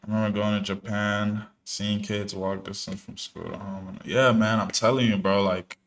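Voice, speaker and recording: This young man, a day trader born in New Jersey to Ghanaian parents, comments casually on his live trading stream, laid-back and slangy with lots of fillers. His voice sits on the low side with fairly even intonation and a moderate pace, and there's slight background noise.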